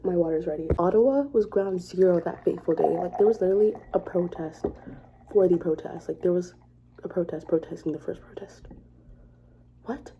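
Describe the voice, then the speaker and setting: A woman's voice: fairly low pitch, brisk, highs cut off, slight background noise. A woman with a sick voice, ranting sarcastically in a casual vlog about politics. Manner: sarcastic, chatty rant. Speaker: vlogger.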